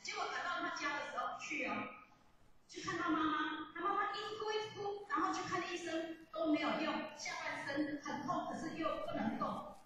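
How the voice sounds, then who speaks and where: Woman, high voice, lively religious testimony, echoey hall, distant mic, faint background hiss. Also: a little fast. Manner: lively storytelling with laughs. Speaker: lay religious speaker giving testimony.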